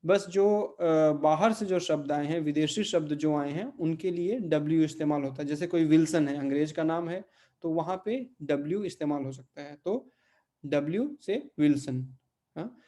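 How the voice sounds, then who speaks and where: A man teaching a Portuguese pronunciation lesson, repeating each word slowly and checking in with his listeners. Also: fairly high pitch, dark tone. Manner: patient, repeats words slowly and checks with "ठीक है?". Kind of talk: spoken language lesson.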